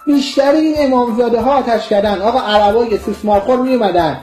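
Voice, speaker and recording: High-voiced man ranting about politics. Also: a little mellow, faint music behind. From Iran. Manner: vehement, scornful, lecturing. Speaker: political commentator. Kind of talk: impassioned political monologue.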